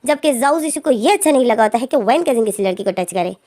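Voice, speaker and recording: A woman's voice: fairly high pitch, animated, fast talker, warm tone. A woman casually retelling a story, chaining her sentences with constant connecting fillers.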